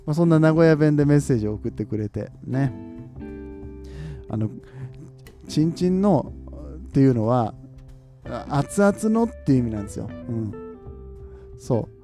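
A man from Nagoya, Japan, hosting his podcast in a relaxed, chatty way, often chuckling and asking listeners questions. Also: medium pitch, normal speed, pauses often, soft background music. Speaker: podcast host. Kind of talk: casual solo chat.

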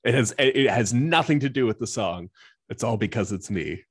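Sarcastic, lively-voiced male podcast co-host. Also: mid-range voice, moderate pace, slightly rough, no room sound, studio quality. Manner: sarcastic, self-deprecating, expressive. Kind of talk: casual chat and plot recap.

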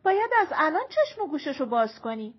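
A woman voicing a wry, teasing adult woman who talks in a lively, casual way. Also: sits high, lo-fi sound, voice pushed up.

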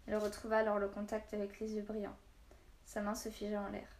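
A woman reading a children's novel aloud, steady and expressive, voicing the dialogue. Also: medium pitch, fairly quick, roomy sound. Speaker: storyteller.

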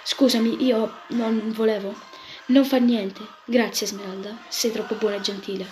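A woman voicing a young gendarme in love who speaks gently, with music playing behind. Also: on the high side, level tone, normal speed, close to an everyday voice. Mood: gentle. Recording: background music throughout.

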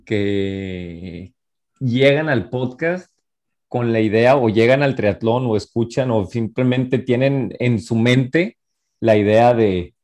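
A young Mexican man with a Tijuana accent hosts a relaxed podcast chat over a video call. He talks at an easy middle pitch, loose and chatty, with lots of fillers and slang. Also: slow pace. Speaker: podcast host.

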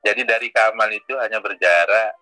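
A man's voice: fairly low pitch, a little fast, bright, forceful tone, faint music behind, low-quality recording. A man, a teacher answering politely in a casual interview, often affirming. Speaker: guest, teacher.

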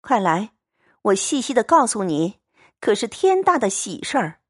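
A woman's voice: medium pitch, sing-song, moderate pace, breathy edge, no echo, clean studio sound. A woman voicing a pushy, fawning middle-aged sister-in-law in a storybook reading, coaxing and wheedling.

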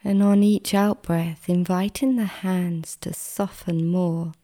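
A meditation guide, a woman, leads a relaxation session in the manner of a sleep story narrator. Her soft, sometimes breathy voice is soothing and gentle, with long pauses, a fairly low pitch, and a steady tone.

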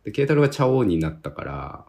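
A man from Tohoku in Japan with a slightly husky voice, chatting casually as a podcast co-host. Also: on the low side, very animated, fast talker, darkish tone. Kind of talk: casual chat.

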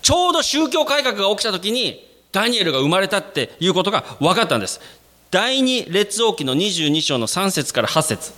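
Lively, high-voiced man preaching. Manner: animated, addresses the congregation directly; acts out quoted voices with sudden jumps in pitch. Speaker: pastor. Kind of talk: sermon.

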